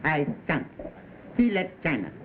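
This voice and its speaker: A mysterious gentleman speaks with formal, guarded courtesy and very mobile pitch. The manner is measured 1930s film acting. The sound is tinny with some hiss. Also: wildly swooping pitch. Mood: cryptic, formal.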